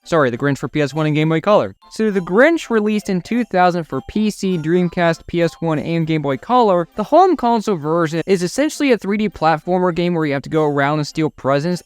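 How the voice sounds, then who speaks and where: A man's voice: on the high side, expressive, fairly quick, hardly any pauses, smooth. A young man narrating a comedic video game review in an exasperated, sarcastic way.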